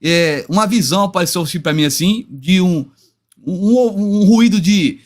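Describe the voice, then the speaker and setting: A man's voice: sits high, animated, normal speed. A man with a Brazilian Portuguese accent, a guest pastor telling a personal story with hesitant restarts.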